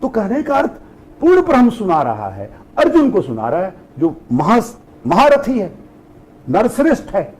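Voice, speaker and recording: A man's voice: sits high, huge pitch swings, normal speed, darkish tone, breathy edge, poor audio. A middle-aged man, a spiritual teacher, giving a discourse to an audience. He asks rhetorical questions and answers them himself, and he drops English phrases into his talk.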